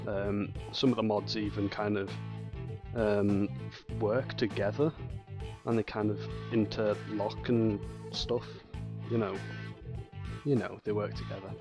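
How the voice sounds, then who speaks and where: A man hosting a casual gameplay tutorial, rambling and hesitant, often restarting sentences and filling pauses. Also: on the low side, flat delivery, music in the background. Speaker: gaming channel host.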